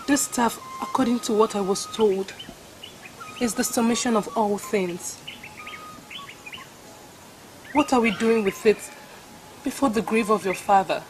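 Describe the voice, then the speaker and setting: A woman's voice: on the high side, normal speed, noisy background, close to an everyday voice. A woman with a Nigerian accent playing an earnest, pleading queen in a film drama, with formal phrasing. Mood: indignant. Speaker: actor. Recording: prominent film music behind the voice. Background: music.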